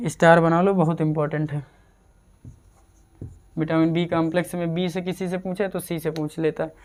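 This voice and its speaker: Guy teaching chem, smooth clear voice, keeps repeating stuff and quizzing himself. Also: a little high, level tone, moderate pace, darkish tone. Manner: repetitive drilling, asks and answers own questions. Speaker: chemistry teacher. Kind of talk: casual exam-prep lecture.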